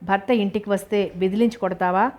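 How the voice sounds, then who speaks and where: A woman voicing a young husband who scolds with scorn in a novel reading, in her own flat voice. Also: mid-range voice, a little fast, natural voice. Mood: scornful.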